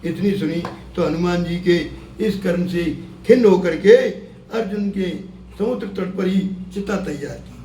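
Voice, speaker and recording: High-voiced devotional storyteller in an echoey room. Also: male voice, dark tone. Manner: slow sung chants between narration. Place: ashram hut. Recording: echoey room, mic far off, faint hum.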